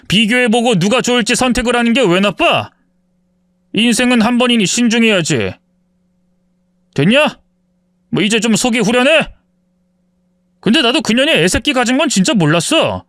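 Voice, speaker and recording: A man's voice: sits high, fairly bright tone, no room sound, clean studio sound. A man voicing an arrogant husband in his forties who mocks his wife and justifies his cheating. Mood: mocking. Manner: contemptuous, mocking, self-justifying. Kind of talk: dramatized story reading.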